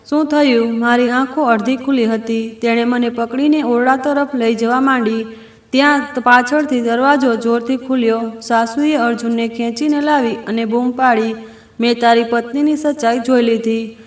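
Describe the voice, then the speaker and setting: A woman narrating a sad first-person story in a steady, sorrowful way. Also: a little high, echoey room.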